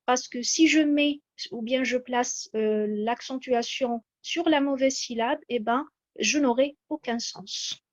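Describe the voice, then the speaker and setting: High-voiced woman lecturing over slides. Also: lo-fi sound. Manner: measured, explanatory, with frequent hesitations. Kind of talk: slide-based lecture on word stress.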